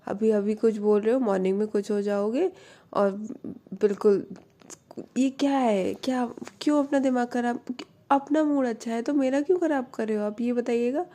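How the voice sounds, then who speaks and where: A woman's voice: fairly high pitch, normal speed, mellow, close to an everyday voice. A woman voicing a young woman in love who is flustered and hurt, repeating herself and refusing to believe what she hears.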